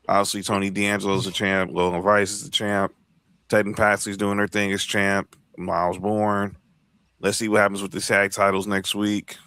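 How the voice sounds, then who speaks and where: A man with a low, gravelly voice co-hosts a casual podcast. He rattles through lists, restarting phrases as he goes, and the recording is dry and close. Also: a bit bright, dry recording. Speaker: podcast co-host. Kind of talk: casual chat.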